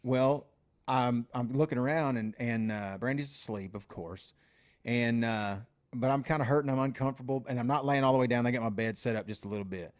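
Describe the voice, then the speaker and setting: A man's voice: medium pitch, brisk. A man co-hosting a podcast, telling a long story in loose casual talk full of fillers, repeats and swearing. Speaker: podcast co-host.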